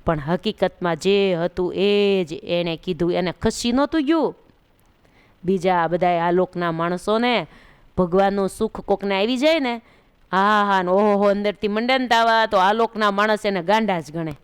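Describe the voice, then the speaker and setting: A woman's voice: mid-range voice, normal speed, clear, resonant tone. A woman narrating a devotional story as a religious storyteller, acting out the characters' words. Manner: narrates with acted quotes of characters. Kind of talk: devotional katha sermon.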